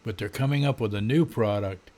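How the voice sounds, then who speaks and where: An older American man in his seventies giving an unscripted, sardonic, grumbling rant in a halting way, often clearing his throat. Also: fairly low pitch, mellow. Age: older, around 70s. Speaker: political vlogger. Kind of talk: unscripted political rant to camera. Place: small home room, indoors. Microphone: desk condenser microphone.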